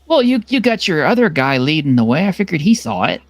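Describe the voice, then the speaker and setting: A man narrating a tabletop game as game master, hesitant and halting with frequent fillers. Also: a little high, very animated.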